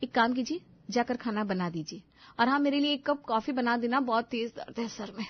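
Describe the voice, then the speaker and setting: A woman's voice: fairly high pitch, fairly quick, close to an everyday voice. A woman voicing a lazy, spoiled young bride who answers in a bratty, dismissive whine, on a dull, dry recording.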